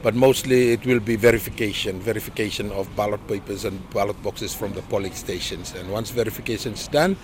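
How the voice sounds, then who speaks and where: A man's voice: fairly low pitch, fairly quick, few pauses, a little hiss or hum. A man, an electoral official explaining a procedure to the press.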